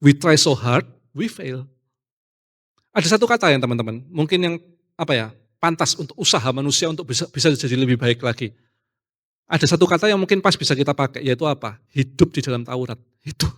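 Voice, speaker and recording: A man preaching a casual youth sermon, animated, acting out quoted voices and slipping in English phrases. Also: fairly high pitch, brisk, pauses often.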